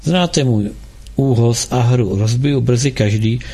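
A man doing a gentle music teacher. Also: mid-range voice, close to an everyday voice. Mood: calm, explaining. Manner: soft, reassuring. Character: kind gentle male music teacher, adult.

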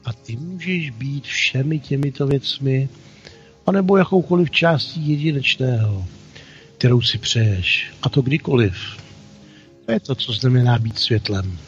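A man voicing God in a story as a calm, patient father figure, speaking slowly and reassuringly. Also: medium pitch, dull audio, faint music behind, lightly acted. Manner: slow, soft, reassuring.

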